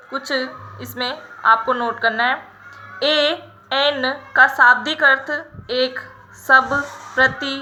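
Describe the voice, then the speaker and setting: A woman teaching English grammar in a lesson, explaining each example slowly and repeating the rule. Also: high voice, bright, forceful tone. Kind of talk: classroom-style grammar lesson.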